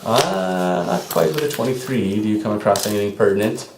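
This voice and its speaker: Low-voiced male game master in echoey room. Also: brisk. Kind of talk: narrating and refereeing a tabletop game casually. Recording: roomy echo with faint background noise.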